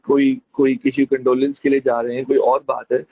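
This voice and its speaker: A male teacher gives a classroom lecture, calling students friends, mixing in English phrases and demonstrating with lively emphasis. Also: medium pitch, normal speed, slightly rough, dry recording. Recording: dull lo-fi dry recording.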